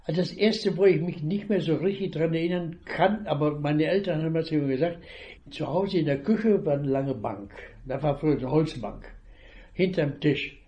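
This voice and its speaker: Speaking slowly and haltingly, an elderly retired vet recalls his childhood, often restarting as he tells his stories. He is in his eighties, grew up in northwest Germany with Low German as his first language, and his warm voice sits a little high.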